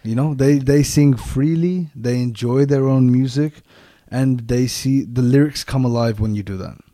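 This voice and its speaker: A man with a mellow, relaxed voice talks through his thoughts in a casual discussion. He often repeats a phrase to stress it, and the recording is close and dry. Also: mid-range voice, normal speed, no room sound.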